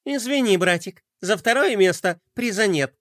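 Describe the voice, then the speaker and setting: A man voicing a sharp-tongued young girl, a competitive sister, in a storybook reading, sarcastic and teasing. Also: sits high, expressive, normal speed, dry recording, studio quality.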